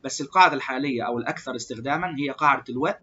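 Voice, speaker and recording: A man's voice: mid-range voice, highs cut off, a little hiss or hum. Egyptian man drilling English words. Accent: Egyptian Arabic. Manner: repeats example words slowly and loudly for drilling. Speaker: English teacher. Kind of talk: beginner English lesson.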